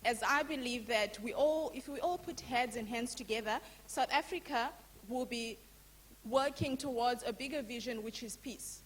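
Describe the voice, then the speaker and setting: Higher-voiced woman from Zimbabwe. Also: a little hiss or hum. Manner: formal and earnest, with deliberate emphasis. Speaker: youth worker asking a question. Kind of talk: formal question from the floor.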